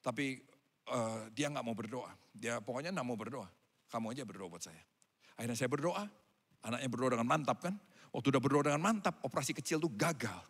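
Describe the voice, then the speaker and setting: A pastor preaching a sermon to his congregation, swinging between loud calls and quiet asides. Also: mid-range voice, fast, husky. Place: church hall. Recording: hall reverb.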